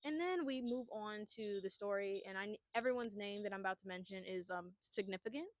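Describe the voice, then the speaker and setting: A woman's voice: mid-range voice, fairly quick, no echo. A young woman co-hosting a podcast, casually retelling a horror movie plot in a chatty, rambling way. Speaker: podcast co-host. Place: outdoors at a picnic.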